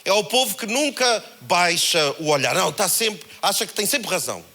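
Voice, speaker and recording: A man with a European Portuguese accent preaching a sermon, in a conversational, animated way that acts out the voices he quotes. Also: high-pitched, normal speed. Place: church held in a cinema.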